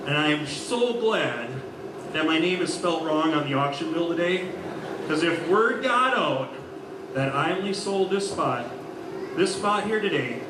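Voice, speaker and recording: A man addressing a gathering as auctioneer and officiant, with a mock-formal, theatrical showman's manner. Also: a little high. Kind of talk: ceremonial public address in auctioneer's patter. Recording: roomy, echoing, noisy, distant microphone.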